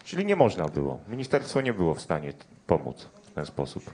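Brief: man with a lowish voice, a reporter who keeps pressing with follow-ups. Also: huge pitch swings, fast talker, a little mellow. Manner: persistent, pressing follow-up questions. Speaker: sports journalist. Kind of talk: press conference questions.

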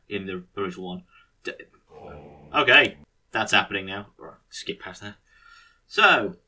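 A man's voice: on the low side, pushed and bright. A man with a British accent giving casual, sardonic, mock-grumpy gameplay commentary as a video host.

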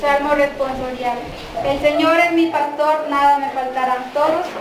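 High, flat-voiced Mexican woman leading prayers. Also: a crowd in the background. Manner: measured, even recitation leading responses. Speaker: prayer leader at a quinceañera mass. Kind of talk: liturgical reading and prayer. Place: church during a mass. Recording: echoey church from far off, faint noise.

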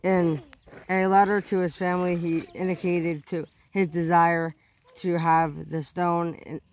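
A man's voice: on the high side, flat delivery, unhurried. Young man stumbling through plaque readings outdoors. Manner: stumbling reading with restarts and self-corrections. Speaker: vlogger exploring a historic site. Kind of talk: casual vlog narration, reading plaques aloud. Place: outdoors on a rural hiking trail.

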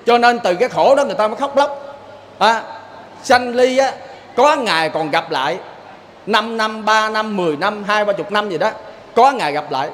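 A Southern Vietnamese man delivers a sermon in a high-pitched voice, folksy and full of stories. He keeps turning to his listeners with quick rhetorical questions. A faint background noise sits under his voice. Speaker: Buddhist lay preacher. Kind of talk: sermon with storytelling.

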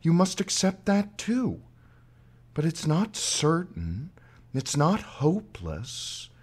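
A man voicing an old mother and medicine woman who comforts her daughter calmly and steadily. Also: fairly high pitch, takes it slowly, breathy edge, pitched above the performer's own voice, heavily acted. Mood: firm.

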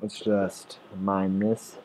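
A man's voice: low voice, level tone, very slow, darkish tone, a little hiss or hum, poor audio. A man giving rambling, swear-filled commentary while playing a game, talking at the monsters and restarting his sentences. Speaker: gameplay commentator. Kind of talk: rambling let's-play commentary. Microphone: desktop or headset mic.

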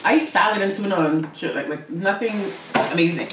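A woman's voice: mid-range voice, a little fast, background noise. A woman chatting casually and teasing her friend while eating on a mukbang vlog. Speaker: vlogger co-host. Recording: roomy, mic far off, music behind.

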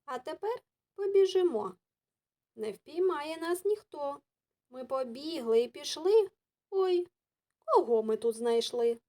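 A woman teaching children, reciting rhymes in a slow sing-song manner. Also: high voice, lively intonation, warm tone. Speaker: kindergarten teacher. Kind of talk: classroom lesson with rhymes.

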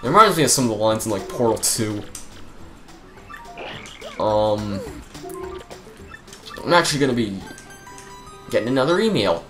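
A young man talks through his gameplay in a loose, rambling, chatty way, stumbling through fillers. His pitch jumps around in lively swings. Faint game music plays behind him. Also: normal speed, pauses often. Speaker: let's play commentator. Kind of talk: casual gameplay commentary.

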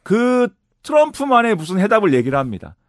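A man's voice: sits high, a little fast, no echo. A man talking through politics as a commentator guest, explaining points step by step in a studio discussion. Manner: explanatory, lively with sudden rises and drops. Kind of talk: analytical discussion.

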